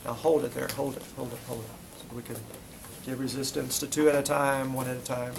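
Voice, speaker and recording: Brisk and mid-pitched with vocal fry, an instructor talks students through a practical demo, his pitch barely moving. He repeats brief commands and tests the class between steps, and the classroom recording is noisy.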